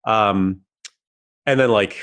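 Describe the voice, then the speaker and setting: A man's voice: lowish voice, takes it slowly, fairly bright tone, clean tone. A man co-hosting a casual podcast, talking in a rambling way with a lot of filler words. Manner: rambling, heavy use of "like". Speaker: podcast co-host.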